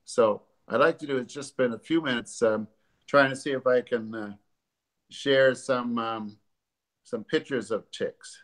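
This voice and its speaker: A man hosts a live stream as a doctor, sitting on the sofa in his living room and giving a casual educational talk. His medium-pitched voice is a bit congested from allergies, and he pauses often with ums and uhs. A webcam or laptop camera at desk distance picks him up.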